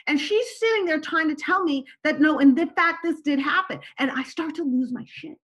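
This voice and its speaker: This podcast guest is a woman whose native tongue is Turkish; her voice is high and her pace normal. She recounts her own stories conversationally with animation, frequently adding "right?"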